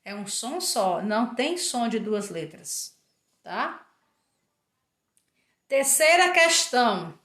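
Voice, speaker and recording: A woman's voice: sits high, fairly bright tone. A woman with a Brazilian Portuguese accent, a teacher going over exercises for her class and spelling out letters and sounds one word at a time. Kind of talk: recorded class review. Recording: echoey room.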